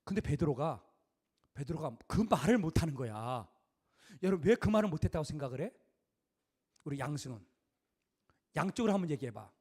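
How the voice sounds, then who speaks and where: A man's voice: fairly high pitch, lively intonation, fairly quick, long pauses, a little mellow, slightly rough. A middle-aged male pastor preaching a sermon in a conversational, emphatic way, full of rhetorical questions.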